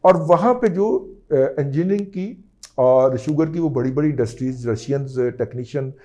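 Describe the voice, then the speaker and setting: Man, political commentator, mellow tone, emphatic analysis monologue. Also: mid-range voice, normal speed. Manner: emphatic, often checks with "theek hai".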